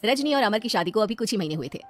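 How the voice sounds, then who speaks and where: A woman narrating a comic family skit in a brisk, storytelling manner. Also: mid-range voice, animated, faint music behind. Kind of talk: scripted narration.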